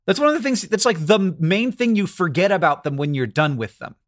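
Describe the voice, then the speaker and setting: Male podcast co-host, playful and casual, slightly high pitch with big melodic swings. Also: animated, brisk, no echo, studio quality. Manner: playful, jokey.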